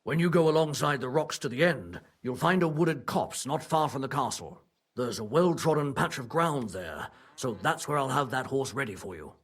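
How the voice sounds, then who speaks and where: Gruff medieval horse keeper in a video game, raspy, wary, folksy blunt talk, helps but grudgingly. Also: male voice, medium pitch, expressive, moderate pace. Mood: grudgingly cooperative. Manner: blunt, folksy rustic phrasing.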